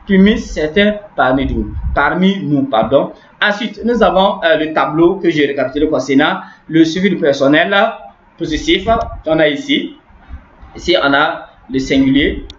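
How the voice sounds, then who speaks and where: Repetitive man teaching grammar, echoey. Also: fairly high pitch. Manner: repetitive, explaining step by step with frequent "n'est-ce pas". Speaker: language teacher. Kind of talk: online grammar lesson. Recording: echoey room, dull lo-fi sound.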